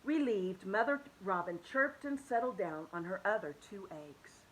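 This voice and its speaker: A woman reading a children's picture book aloud, expressive and animated, dropping to soft hushed tones. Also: medium pitch, a little slow, rough recording. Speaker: children's story reader.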